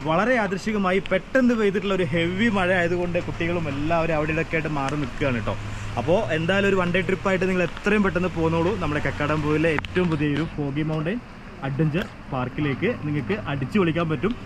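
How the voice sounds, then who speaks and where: Male travel vlogger, rapid casual delivery, enthusiastic, Malayalam-English mix, noisy outdoor park recording. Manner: mixes English words into Malayalam speech; enthusiastic, urging viewers to visit. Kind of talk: casual promotional vlog chat to viewers. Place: outdoor adventure park in the rain. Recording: noisy outdoor ambience with traffic-like rumble.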